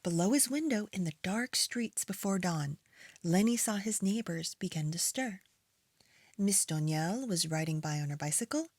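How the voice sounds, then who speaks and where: A woman reading aloud to young children as a preschool storytime host, in an expressive storytime voice. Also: on the low side. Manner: storytime voice, slow and expressive with acted animal and object sounds.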